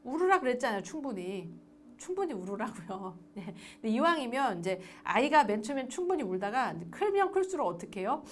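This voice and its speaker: A woman's voice: a little high, fairly quick. A woman lecturing on adoption and parenting, asking the audience questions and acting out parent-child talk. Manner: lively, acts out parent-child dialogue; asks the audience questions and answers them.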